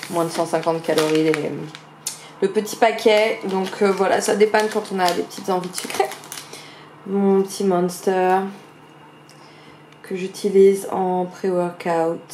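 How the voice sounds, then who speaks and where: A woman's voice: mid-range voice, darkish tone, a little hiss or hum. A young woman, chatting casually in a fitness vlog from home and listing things with many fillers. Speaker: fitness vlogger. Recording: roomy echo, faint background ambience.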